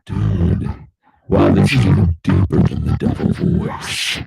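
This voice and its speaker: A demonic male voice, dropped to a cavernous low by a voice changer, grinding with heavy fry and a husky, raspy edge. It swings widely up and down as it riffs and beatboxes in a casual solo podcast. The sound stays dark and mellow. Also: big pitch swings, takes it slowly, full character voice. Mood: goofing around. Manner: goofy, riffing, beatboxing. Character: deep growling male devil voice. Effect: pitch-lowering voice changer.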